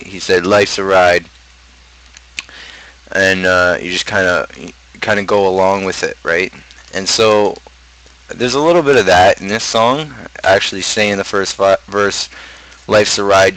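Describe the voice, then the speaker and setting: A male streamer and amateur rapper muses casually about his own song lyrics, rambling and thinking out loud. His voice is low and a bit bright, and the recording is low quality.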